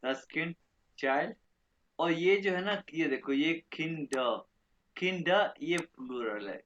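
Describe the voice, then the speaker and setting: A man teaching German vocabulary in an online lesson, repeating each word slowly and often checking that students follow. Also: a little high, expressive, fairly bright tone, highs cut off.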